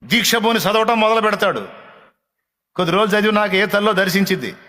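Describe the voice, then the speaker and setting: A man's voice: high voice, a little fast, sharp tone. A man pastor preaching a sermon, scolding and driving his points home with repetition. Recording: long hall reverb.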